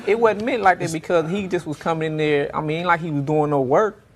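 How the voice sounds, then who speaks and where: A woman argues her side as a defendant in small claims court. Her talk is colloquial, defensive and repetitive, recorded with clear background noise. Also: sits low, quick pace. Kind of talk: defensive spontaneous testimony.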